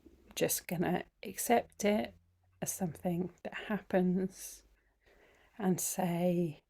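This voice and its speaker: A woman guiding a body scan meditation, speaking gently with frequent ums and some softly whispered phrases. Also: fairly low pitch, fairly even intonation, slow, creaky. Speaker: breathwork and mindfulness teacher.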